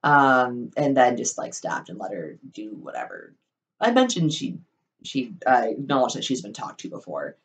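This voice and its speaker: A woman's voice: a bass voice, very animated, moderate pace, vocal fry. A young woman in a casual storytelling vlog, rambling with lots of ums and likes, swearing freely and wryly. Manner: rambling, full of ums and likes, profane and wry.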